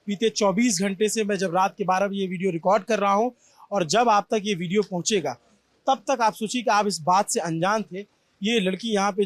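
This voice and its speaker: A man's voice: sits high, no room sound. A man from Prayagraj, India, giving an impassioned, emphatic on-site news report from a damaged shop. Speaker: field reporter. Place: at a damaged shop after a crowd crush.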